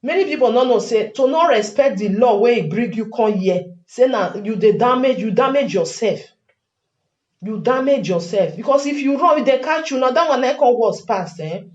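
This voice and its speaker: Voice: medium pitch, lively intonation, normal speed. An adult with a Nigerian accent speaks Pidgin in an informal, emphatic advice monologue, repeating phrases for stress. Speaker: online commentator addressing fellow Nigerians. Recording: dull lo-fi sound, echoey room.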